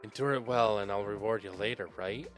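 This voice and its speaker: A man voicing a manipulative young male guitarist who talks in a low, soothing, controlling way. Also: fairly quick, faint music behind, natural voice. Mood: soothing, sly.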